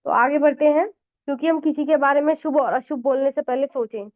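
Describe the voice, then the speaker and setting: A woman's voice: high voice, a little fast. A woman astrologer giving a conversational astrology lesson, explaining with frequent fillers and mixed-in English words. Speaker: Vedic astrologer teacher. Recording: tinny phone-like audio.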